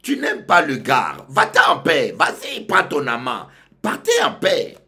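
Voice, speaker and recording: A male pastor from Congo, preaching a sermon that swings from loud outbursts to low murmurs. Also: huge pitch swings, unhurried.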